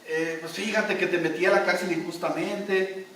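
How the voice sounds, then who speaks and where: A man's voice: sits high, fairly even intonation, moderate pace, fairly bright tone, slight background noise. A man voicing a humbled king who apologizes to his servant, pleading and sorry. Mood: apologetic. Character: remorseful king, middle-aged man, humbled. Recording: echoey church hall, distant mic.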